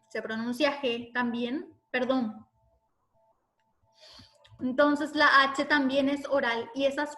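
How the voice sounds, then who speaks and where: A woman's voice: high-pitched, bright, forceful tone, roomy sound. A woman teacher patiently explaining a grammar rule step by step to her class.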